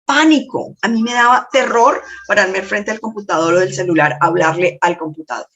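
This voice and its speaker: A woman lecturer and coach with a slightly shrill voice, telling stories expressively in a motivational lesson to camera. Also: brisk. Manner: expressive, storytelling with lots of self-talk.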